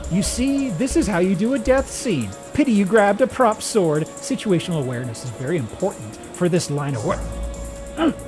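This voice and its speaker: A man's voice: high-pitched, animated, normal speed. A man voicing a vain theatrical director in a video game with hammy, overacted death-scene dramatics. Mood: hammy, imperious. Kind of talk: acted read-through of video game dialogue. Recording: music behind the voice.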